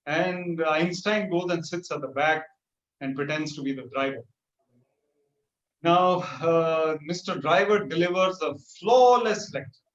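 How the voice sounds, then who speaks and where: A man speaking to teachers over a video call, telling an anecdote with animated storytelling and pitch lifts for punchlines. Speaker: motivational speaker. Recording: roomy, dull video-call audio.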